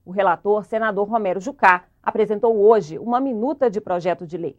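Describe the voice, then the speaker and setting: A Brazilian woman anchoring a television news bulletin, reading in a measured, formal way. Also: medium pitch, lo-fi sound. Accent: Brazilian Portuguese.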